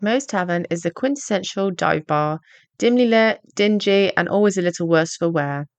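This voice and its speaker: A woman, reading a scripted video essay narration in a measured, explanatory way. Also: fairly low pitch, expressive, no echo.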